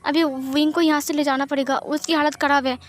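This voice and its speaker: A woman's voice: sits high, flat delivery, brisk, natural voice. A woman voicing a protective, emotional young man in a fan-fiction reading, talking earnestly and pleading. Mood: firm. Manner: earnest, pleading, tearful at times.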